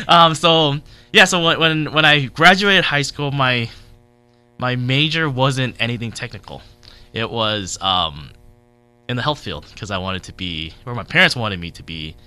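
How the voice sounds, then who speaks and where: A man in his thirties, born in Vietnam and raised in Southern California, is a technology consultant chatting as a guest in a casual interview. His mid-range voice is clear and resonant with a sharp tone, and he speaks a little slowly. He rambles easily, laughs readily, and uses lots of fillers.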